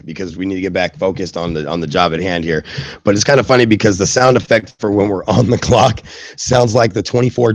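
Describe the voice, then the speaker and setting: A man's voice: fairly low pitch, a little mellow, no echo. A male host of a live web radio show, who grew up in the southwestern US and Germany, talks loosely with lots of fillers and self-mocking jokes.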